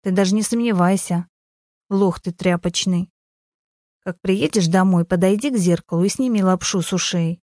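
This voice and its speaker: A woman voicing a sharp-tongued, mocking female friend with a raised, cutting delivery. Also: moderate pace, no room sound, clean studio sound, lightly acted. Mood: scornful. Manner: scornful, cutting, raised pitch.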